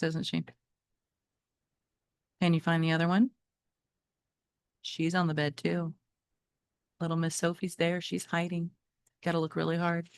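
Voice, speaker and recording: A woman teacher reads a children's novel aloud expressively, talking directly to her young listeners and checking in with them through questions. Her voice sits low with vocal fry, and the recording has no echo.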